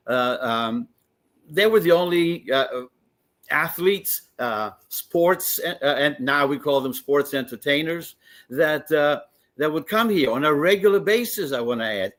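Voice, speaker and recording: A fairly high-pitched, slightly bright male voice belongs to an older Greek man who works as a wrestling commissioner. Appearing eagerly on a sports talk show in a casual radio interview, he tells stories with frequent restarts.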